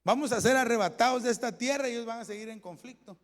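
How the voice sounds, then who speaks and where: High-voiced pastor preaching in a reverberant hall. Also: male voice, fast talker. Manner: conversational preaching, addresses "hermano", asks rhetorical questions; explains Hebrew word meanings. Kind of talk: sermon. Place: church.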